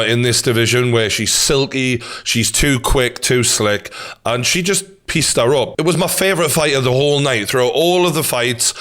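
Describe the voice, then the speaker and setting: A man's voice: mid-range voice, a bit bright. Blunt Geordie man talking boxing casually. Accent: Newcastle Geordie. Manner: blunt, opinionated, sweary and matey. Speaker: YouTube host and boxing commentator. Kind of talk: casual reaction commentary to camera.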